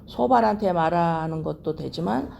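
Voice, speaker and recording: A woman's voice: on the low side, normal speed, gravelly, mellow, muffled recording, slight background noise. A woman pastor giving a midweek Bible teaching, reading scripture aloud and explaining it in a conversational way, often checking in with her listeners. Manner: reads scripture aloud, then restates it plainly.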